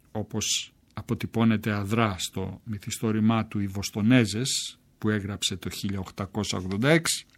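Man, mid-pitched voice, measured essay narration, literary reading with dramatic emphasis.

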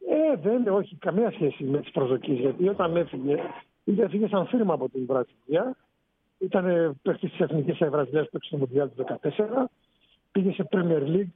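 Man with a high lively voice on a tinny phone line. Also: husky, no echo. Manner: explanatory, animated, rising emphasis. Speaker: sports reporter. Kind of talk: sports radio phone-in analysis.

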